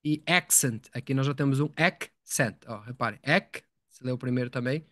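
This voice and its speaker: A man's voice: medium pitch, moderate pace, a bit bright, dry recording, clean studio sound. A man teaching English in a live online lesson, explaining patiently, repeating words and asking his students questions.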